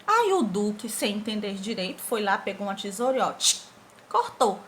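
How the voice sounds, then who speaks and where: A woman's voice: mid-range voice, normal speed. A woman teacher giving an online lesson to schoolchildren, asking the pupils rhetorical questions as she explains. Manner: animated, talks directly to pupils with rhetorical questions.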